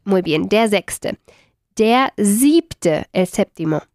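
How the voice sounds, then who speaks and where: A woman's voice: medium pitch, animated, extremely slow, darkish tone, no echo, clean studio sound. A woman teaching German in a one-on-one lesson, patiently correcting pronunciation.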